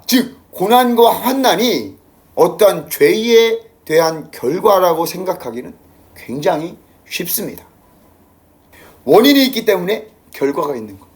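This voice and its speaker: A male pastor giving a conversational sermon and putting questions to his congregation. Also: high-pitched.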